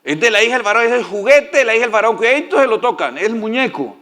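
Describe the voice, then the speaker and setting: A man's voice: high-pitched, animated, quick pace, pushed and bright. A male pastor preaching a sermon in a folksy, joking way and often asking the congregation for agreement.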